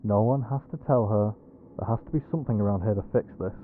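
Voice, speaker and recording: In an audio roleplay, a man voices Reggie, a cocky, defensive ghost hunter who's quick with excuses. His natural voice is fairly low and fast, with a wry, sweary, conversational style, and the sound is phone quality.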